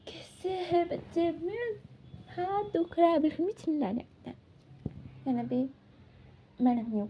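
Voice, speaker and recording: Soft-toned woman retelling a fan story. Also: high voice, husky. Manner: chatty, filler-heavy retelling with quoted dialogue.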